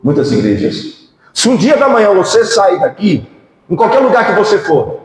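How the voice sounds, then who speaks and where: A Brazilian-accented male pastor preaching with fervor, firing rhetorical questions at his congregation. His voice sits a bit high and leaps wildly in pitch. The sound bounces hard around a large church hall with a long reverb tail. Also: big pitch swings, normal speed. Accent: Brazilian Portuguese. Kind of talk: sermon.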